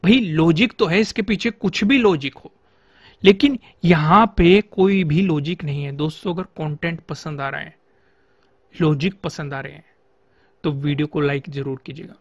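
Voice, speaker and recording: A man's voice: a little high, normal speed, no echo, lo-fi sound. A man teaching stock chart analysis, explaining in an instructive way and often posing rhetorical questions to the viewer. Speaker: stock market trading teacher.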